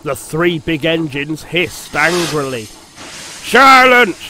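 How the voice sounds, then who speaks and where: A man narrating a storybook in a measured, clear storytelling manner. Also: fairly high pitch, noisy background. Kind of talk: storybook reading. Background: music.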